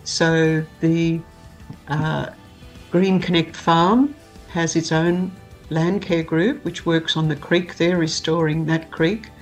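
An Australian woman giving measured, explanatory answers as a volunteer guest in a conversational interview. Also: low-pitched, fairly even intonation, faint music behind.

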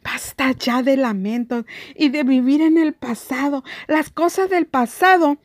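Female preacher, high and unhurried, earnest sermon, dry close sound. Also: no room sound. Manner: earnest, emphatic preaching with scripture readings. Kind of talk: devotional sermon.

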